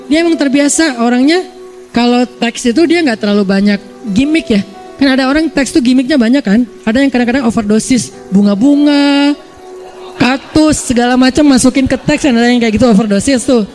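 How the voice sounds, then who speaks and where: A man's voice: extremely high pitch, a little mellow. A male Indonesian preacher giving a casual, playful religious talk, acting out everyday examples.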